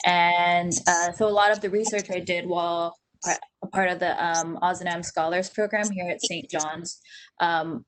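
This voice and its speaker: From a small indoor room at home, a young Hawaiian woman hosts the opening of an online panel, her fairly low voice coming through a rough laptop-webcam recording on a video call. She talks earnestly and steadily, often saying um.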